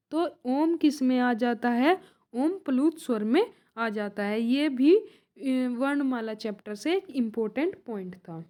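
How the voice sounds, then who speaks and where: Her voice is high and mellow as this young woman leads a grammar lesson for exam preparation. Speaking slowly, she restates each point by asking a question and supplying the answer herself.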